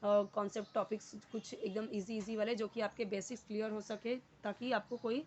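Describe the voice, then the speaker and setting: A woman's voice: medium pitch, flat delivery, moderate pace, a little mellow, slight background noise. A woman English teacher, patiently explaining grammar step by step, repeating words and asking the viewer questions. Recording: dull lo-fi sound.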